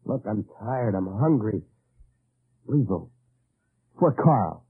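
An actor playing a weary, earnest undercover agent in an old-time AM radio drama, with clipped, haunted delivery. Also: male voice, lowish voice, big pitch swings, slow, slightly rough, heavily acted. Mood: urgent, pleading. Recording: tinny old AM radio recording.

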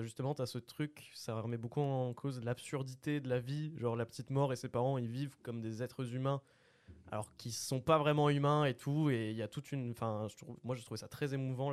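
A man's voice: medium pitch, fairly even intonation, brisk, clean tone. A young man hosting a casual podcast chat, talking with lots of hesitant fillers. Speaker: podcast host.

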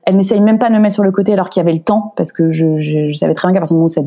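A woman's voice: fairly low pitch, fairly even intonation, rapid-fire, mellow. Hesitant, indignant woman telling her story. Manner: hesitant, many restarts, emotional and indignant. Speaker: interviewee. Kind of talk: candid personal storytelling.

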